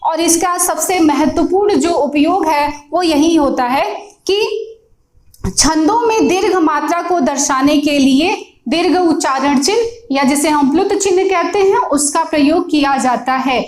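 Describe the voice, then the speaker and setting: A woman teaching a grammar lesson, patiently explaining with examples and often pausing to check that you follow. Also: high voice, a little mellow, echoey room. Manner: patient, repeats points, often checks with "theek hai".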